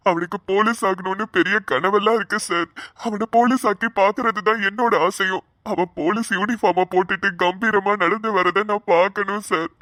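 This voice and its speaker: A woman's voice: medium pitch, pushed and bright, no room sound, studio quality, close to an everyday voice. A woman voicing a young man in a cartoon, an elder brother who pleads tearfully for his little brother. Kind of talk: cartoon voice acting.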